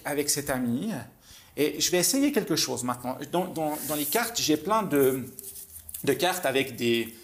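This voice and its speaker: A man, a mentalist host leading a guest through a calm guided visualization with soft, hesitant instructions. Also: fairly high pitch. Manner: soft, slow, suggestive instructions with hesitant restarts.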